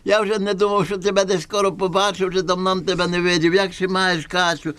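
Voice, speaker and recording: A man's voice: high voice, flat delivery, fairly quick, fairly bright tone, smooth, no room sound. A man playing a garrulous, folksy sixty-year-old villager with a Galician western Ukrainian accent in a puppet comedy. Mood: friendly, chatty. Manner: garrulous, folksy, repeating himself. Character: chatty sixty-year-old village man giving foolish homely advice. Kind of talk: folk puppet theatre comedy.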